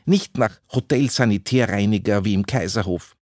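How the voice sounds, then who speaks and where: A man voicing a gently ironic club lady. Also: lowish voice, normal speed, no echo, studio quality, natural voice. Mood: approving. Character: charming female club member.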